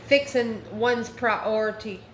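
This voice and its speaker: A woman with a slightly high voice speaks slowly while giving an unplanned, casual tarot reading. She talks right to the viewer, conversational and exclamatory, in a room that echoes, with faint background noise.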